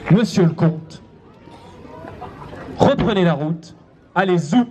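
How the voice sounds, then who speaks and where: A man playing a proud, mocking mayor, with hammy, measured oratory in an improvised stage verse duel. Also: sits high, lively intonation, darkish tone. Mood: grandiose. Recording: outdoor show with some crowd noise.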